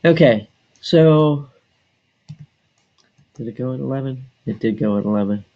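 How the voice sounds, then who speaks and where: A man training staff on database software, talking slowly and deliberately with frequent filler pauses. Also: medium pitch, highs cut off. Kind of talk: screen-share software tutorial.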